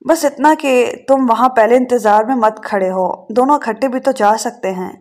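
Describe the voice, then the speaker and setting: A woman reading the lines of a talkative middle-aged wife who speaks softly and wistfully. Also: on the high side, lightly acted.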